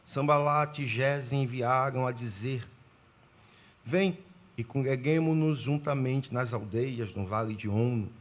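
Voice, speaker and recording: A man from Pernambuco speaks as a guest preacher in a church sanctuary. His voice sits at an ordinary middle pitch, and his delivery is formal and deliberate. He greets the congregation and reads scripture with measured pauses. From Pernambuco, Brazil. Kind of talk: sermon with scripture reading.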